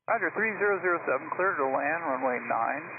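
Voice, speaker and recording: A man's voice: a little high, lively intonation, a little fast. A man working as a pilot, talking to the tower over his cockpit headset in clipped radio calls with light joking. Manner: brief and casual, with light joking. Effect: pilot's cockpit headset over aviation radio. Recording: tinny, noisy radio transmission.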